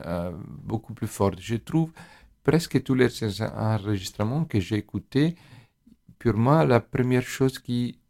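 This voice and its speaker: Creaky-voiced man with foreign accent in French. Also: medium pitch, animated, a little mellow. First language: Italian. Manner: halting, searching for words in imperfect French. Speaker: musician interviewed as expert on organ music. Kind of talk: explanatory interview talk.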